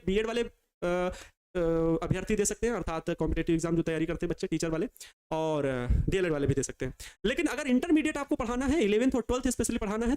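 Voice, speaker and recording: A man's voice: high-pitched, a little mellow. A young man from North India, a physics teacher chatting and digressing as he talks straight to his students in a live online class. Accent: North Indian Hindi.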